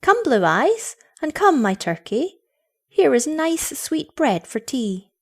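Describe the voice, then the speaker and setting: A woman voicing a gentle, loving mother who speaks tenderly and with quiet firmness. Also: mid-range voice, lively intonation, measured pace. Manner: tender, soothing. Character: gentle loving mother of small children, sadly firm.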